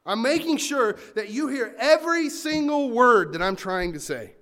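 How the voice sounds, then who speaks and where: A man as a pastor preaching a sermon in a lively, conversational way, with asides to the congregation. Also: very high-pitched, normal speed.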